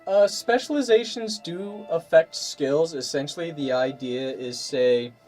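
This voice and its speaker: A man's voice: a little high, unhurried, faint music behind. A man hosting a stream as game master, playfully walking players through tabletop rules. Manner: animated, playful explainer.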